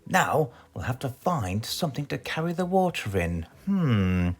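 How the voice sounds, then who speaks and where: A man's voice: mid-range voice, sing-song, unhurried, faint music behind, voice pushed up. A British man voicing a very strong, modest and cheerful man in a children's storybook. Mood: purposeful.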